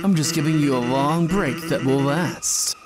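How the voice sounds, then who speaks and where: A man voicing a sinister, mocking, selfish skeleton villain in an animated fan dub, with taunting menace. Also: a little high, crowd noise, lightly acted. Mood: smug. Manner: slow, taunting, drawn-out menace. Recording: echoey voice with music behind.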